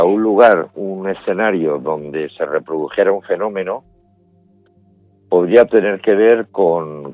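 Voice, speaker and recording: A middle-aged man with a Spanish accent, a paranormal investigator answering interview questions in a measured, explanatory way. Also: low voice, dry recording. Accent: Spanish from Spain. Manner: measured, explains step by step with restarts. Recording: dry, phone-like remote line.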